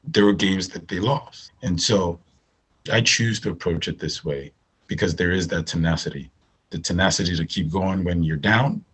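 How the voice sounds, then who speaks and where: An agribusiness managing director from northern Nigeria answers interview questions as a podcast guest, speaking conversationally with a Nigerian accent. His low voice is slightly rough and moves at a normal speed, and he makes his points through emphasis and repetition. The audio quality is poor.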